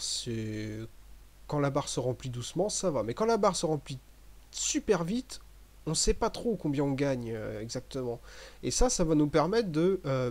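A man giving relaxed, chatty commentary over a game he is playing, with many fillers and restarts. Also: on the high side. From French-speaking. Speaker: gaming commentator. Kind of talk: casual gameplay commentary.

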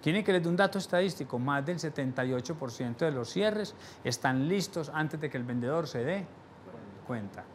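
Animated male sales trainer lecturing. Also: normal speed, a little hiss or hum. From Latin America. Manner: animated, shifts volume for emphasis, drops voice low on key points; rhetorical questions to the audience. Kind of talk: live sales seminar lecture.

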